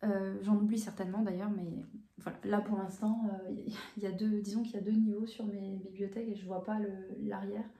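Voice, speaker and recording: A woman answers viewer questions in a relaxed, unscripted chat, stopping often to restart her sentences and fill pauses. Her voice is mellow and even, with little rise and fall. The sound carries a roomy echo from the room she records in. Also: mid-range voice. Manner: hesitant, many fillers and restarts; calm, even delivery. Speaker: coloring channel host. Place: home room with bookshelves.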